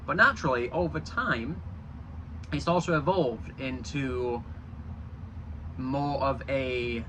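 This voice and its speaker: A young Yorkshireman from northern England vlogs in a Yorkshire accent with a slight Canadian twang. His medium-pitched, fairly bright voice moves slowly in a rough recording with a little hiss or hum, and his casual chat rambles with frequent restarts.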